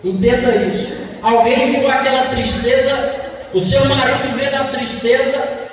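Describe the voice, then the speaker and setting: High-voiced preacher in echoey hall. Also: male voice, steady tone, a little slow. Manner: emphatic and repetitive, with rhetorical questions. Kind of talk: sermon. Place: church hall. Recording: echoey church hall, distant mic, faint noise.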